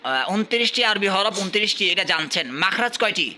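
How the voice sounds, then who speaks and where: A man from Bangladesh teaching at a madrasa, quizzing his pupils and repeating questions while urging them to answer louder. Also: high voice, expressive, fairly quick, a little hiss or hum. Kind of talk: classroom quizzing.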